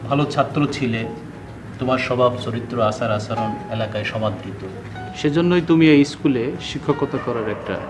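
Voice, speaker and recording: An actor playing a formal, stern school headmaster scolding a teacher in a TV serial. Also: male voice, mid-range voice, natural voice. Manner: formal, lecturing. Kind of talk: TV serial acting.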